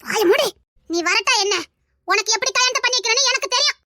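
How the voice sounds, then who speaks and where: A performer voicing a stern, sharp-tongued mother in a homemade family drama, with a Tirunelveli accent. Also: very high voice, fast, dry recording, clean studio sound, full character voice. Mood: angry scolding. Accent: Tirunelveli Tamil. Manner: harsh, commanding, sharp-tongued. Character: stern scolding middle-aged mother.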